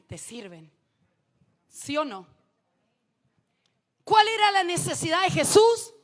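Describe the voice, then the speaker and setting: A woman preacher delivering a sermon, calling out to her congregation and rising from hushed asides to shouted exhortations. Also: high-pitched. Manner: addresses the congregation directly, calls for responses.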